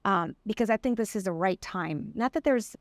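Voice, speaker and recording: A middle-aged Colombian woman, guesting in a conversational interview, speaks passionately and emphatically, drawing out key words for stress. Her medium-pitched voice is animated, heard in a clean studio recording with no echo.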